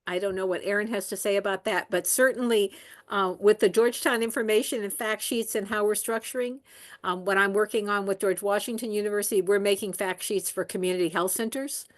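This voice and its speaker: A woman's voice: medium pitch, steady tone, a little fast. A woman presenting health policy in a webinar, answering questions with frequent ums and restarts. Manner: rambling, many ums and restarts.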